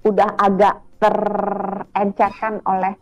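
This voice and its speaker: A woman's voice: medium pitch, completely flat delivery, slow pace, dull audio. Woman doctor explaining practical health tips. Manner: explains step by step, practical, with small fillers. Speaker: doctor guest. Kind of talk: radio health interview.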